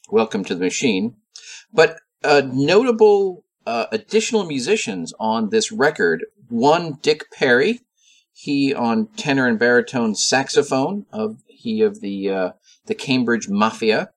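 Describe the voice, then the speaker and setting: A man co-hosting a podcast, talking casually as he explains background details. He fills his sentences with ums and little asides and keeps a loose, conversational flow. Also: mid-range voice. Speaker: podcast co-host. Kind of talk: casual chat.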